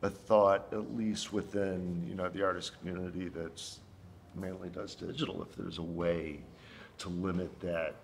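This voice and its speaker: A man's voice: low-pitched, little pitch movement, measured pace, gravelly, slight background noise. A man on a panel who asks rambling questions and keeps searching for words. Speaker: panelist, artist. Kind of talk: casual panel chat.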